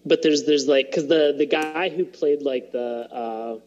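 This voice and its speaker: A man's voice: on the high side, a little slow, darkish tone, lo-fi sound, slight background noise. A man on a podcast chatting casually, rambling with many fillers and restarts and laughing as he retells scenes. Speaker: podcast co-host. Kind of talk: casual chat.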